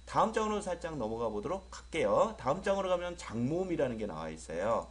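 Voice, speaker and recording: A man teaching English pronunciation in an online lecture. He speaks, repeats words slowly with drawn-out vowels, and jokes lightly with students he calls friends. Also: fairly high pitch, sing-song.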